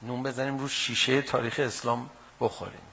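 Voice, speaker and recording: A man preaching a religious sermon that moves into mournful storytelling, speaking with passion, firing off rhetorical questions and swinging between loud appeals and hushed tones. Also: medium pitch, little pitch movement, creaky, breathy edge. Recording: dull lo-fi recording with faint background noise.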